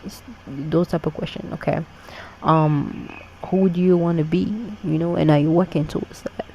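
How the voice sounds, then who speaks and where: A relaxed tarot reader talks through a monthly reading in a loose, conversational way, checking in with "okay?" and "you know" as they go. The voice is gravelly and mellow, with a faint hiss of background noise. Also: mid-range voice, muffled recording. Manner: relaxed, unhurried, repeats key phrases.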